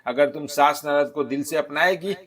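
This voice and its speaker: A man's voice: on the high side, normal speed, natural voice. A man voicing a caring young married woman who earnestly advises her friend like an elder sister, in a storybook narration. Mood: advising. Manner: earnest, persuading, gently scolding.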